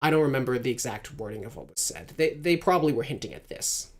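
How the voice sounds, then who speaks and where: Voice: medium pitch, animated, fast talker, darkish tone. A person hosting a casual visual novel read-through, talking in rambling sentences full of filler words. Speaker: streamer reading a visual novel. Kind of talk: casual let's-play chat and reading.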